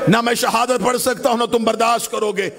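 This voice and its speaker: A man preaching a mourning sermon with passion, often breaking into a chanted sing-song and rising to loud cries. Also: very high-pitched, fairly even intonation, a little fast. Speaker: Shia majlis orator.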